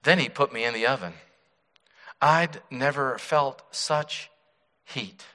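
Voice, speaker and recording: A man voicing a suffering clay teacup that pleads and cries out in high, strained bursts. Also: takes it slowly, sharp tone, big-room sound. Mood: pleading, anguished.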